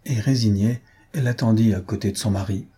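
A man narrating an audiobook in a measured storytelling manner. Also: on the low side, mellow, slightly rough.

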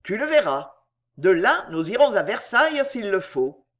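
A reader voicing a proud man poet who declaims with booming indignation. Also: very animated, normal speed. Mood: stern, commanding.

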